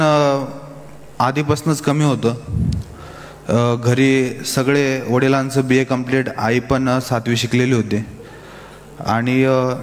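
A man giving a talk to young people at a summit, telling his own story in a plain, hesitant way with many fillers. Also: medium pitch. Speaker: guest speaker at a youth summit. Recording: echoey hall, faint hiss.

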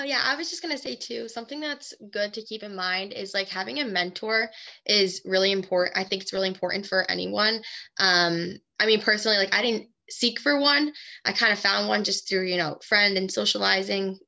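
Young woman, gravelly fry, bright edge, casual filler-heavy talk, video call mic. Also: medium pitch, dull audio. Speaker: recent graduate panelist.

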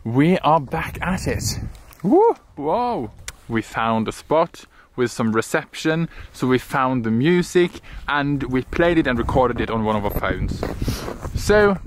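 A man's voice: mid-range voice, big pitch swings, slow, slight background noise. A young man from Norway with a Norwegian accent, chatting playfully in a casual vlog, in a cabin and out in the snowy mountains. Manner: playful, laughs often, chatty. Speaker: vlogger. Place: wooden cabin indoors, then snowy mountains outdoors.

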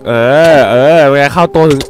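A young man giving casual, teasing commentary while playing a game, getting excitable at times. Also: fairly high pitch, normal speed, faint music behind. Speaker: gaming YouTuber.

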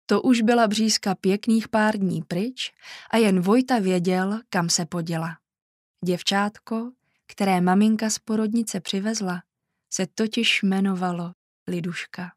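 A woman narrating a children's storybook in a calm, measured way. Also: mid-range voice, no echo, studio quality. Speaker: audiobook narrator.

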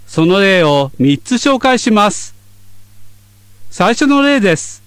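Lively high-voiced male language teacher. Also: takes it slowly, no room sound. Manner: clear explanatory delivery. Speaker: radio English teacher. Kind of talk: scripted lesson narration. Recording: dry studio sound.

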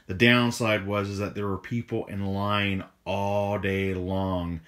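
Hoarse, low-voiced man chatting casually. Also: slow pace. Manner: relaxed, many fillers like um and uh. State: slightly hoarse from a lost voice. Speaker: toy collector vlogger. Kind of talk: casual vlog rundown.

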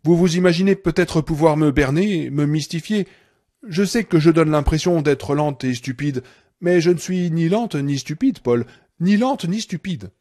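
A man's voice: a little high, moderate pace, a little mellow, natural voice. A male reader voicing a sarcastic, menacing woman nurse who holds a man captive in an audiobook. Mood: cold threat. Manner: sarcastic, seething, sudden rage.

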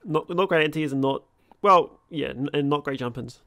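A man, chatting informally and haltingly about games as a streamer, swearing casually. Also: on the high side, a bit bright, no room sound. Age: 20s. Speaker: streamer and host of a gaming series. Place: small room at home. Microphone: close desk microphone.

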